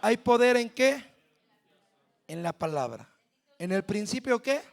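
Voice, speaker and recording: A male pastor with a Mexican Spanish accent preaching a sermon, speaking straight to the congregation and building to shouted peaks. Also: very high voice, very animated, unhurried, creaky. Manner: preaching with shouted climaxes and direct address to the congregation.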